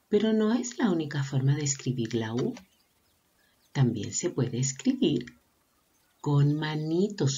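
A woman teacher gently leading a slow vowel lesson for preschool children, asking them questions and praising them. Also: sits low, husky, dull audio. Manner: affectionate, encouraging, asks children questions. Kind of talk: slow, sing-song lesson for young children.

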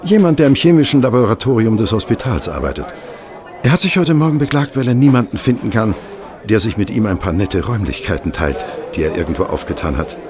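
An actor playing Stamford, an affable, chatty former hospital assistant doctor, in a radio play. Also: male voice, on the low side, lively intonation, quick pace, close to an everyday voice. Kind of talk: German radio play acting. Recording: restaurant crowd murmur behind. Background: restaurant chatter.

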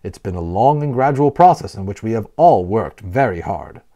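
A man with a warm, lowish voice portrays a friendly, talkative storybook guide, speaking at a moderate pace with plenty of animation. The character explains things proudly and playfully, emphatic, informative, and a touch wordy.

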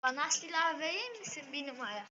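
A coy young woman gamer, put on by a man, speaks very high in halting little pleas. The casual game chat sounds muffled, with some background noise. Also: sing-song. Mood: coy, pleading.

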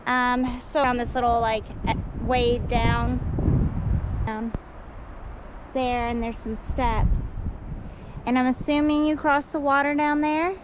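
A woman's voice: on the high side, slight background noise, poor audio. Rambling woman vlogging on a forest trail. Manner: rambling, self-deprecating, many fillers. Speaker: hiking vlogger. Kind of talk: casual vlog narration while hiking. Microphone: action camera.

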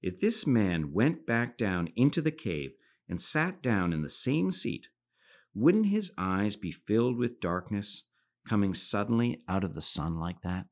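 With big swings in pitch and a measured pace, a middle-aged philosophy podcaster delivers considered, lecture-like commentary and reads passages aloud. He lifts his voice for quotes and lets it drop low as phrases end.

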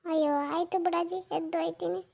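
A drowsy, whining village boy in a cartoon, voiced by a woman. The voice sits very high and drags when he pleads for more sleep. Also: level tone, fast, vocal fry, warm tone. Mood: grumbling. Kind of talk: cartoon voice acting.

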